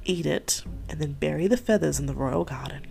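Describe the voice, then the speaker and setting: A woman's voice: deep voice, brisk, vocal fry, darkish tone, faint music behind. A woman voicing a cruel, scheming stepmother giving curt, cold orders.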